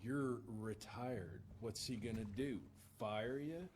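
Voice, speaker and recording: An actor playing a cocky, dry-witted American vampire hunter in a Western video game, deadpan and taunting. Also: male voice, mid-range voice, slow, slight background noise, close to an everyday voice. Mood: dry, teasing. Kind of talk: video game cutscene acting.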